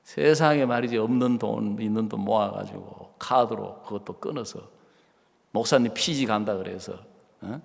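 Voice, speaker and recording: A pastor telling a sermon story and acting out both sides of the dialogue. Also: male voice, lowish voice, moderate pace, creaky. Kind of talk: sermon with acted-out anecdote. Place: church sanctuary. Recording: long church reverb.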